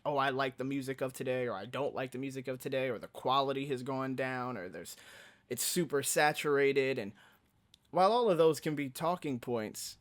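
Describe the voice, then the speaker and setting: A man's voice: medium pitch, a bit bright. A man hosting a podcast, talking animatedly with lots of "like" fillers and acting out quoted reactions. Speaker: podcast host. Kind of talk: casual podcast conversation.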